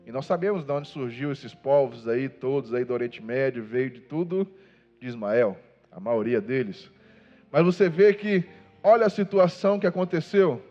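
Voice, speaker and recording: A man's voice: mid-range voice, moderate pace. A man preaching a sermon in Brazilian Portuguese in a church, asking the congregation rhetorical questions and answering them himself. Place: church hall. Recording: long hall reverb, dull lo-fi sound, faint music behind.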